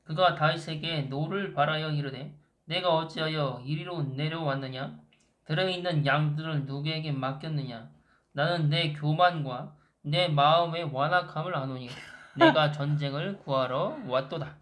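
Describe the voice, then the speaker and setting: A man reads Bible verses aloud at a measured pace for a conversation partner. His voice sits a little higher than most men's. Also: a bit bright. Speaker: co-host reading scripture. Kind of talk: scripture reading.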